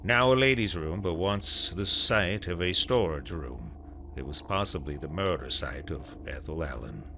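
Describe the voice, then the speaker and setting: Deep-voiced man narrating over music. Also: lively intonation, normal speed, pushed and bright, slight background noise. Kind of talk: scripted documentary narration.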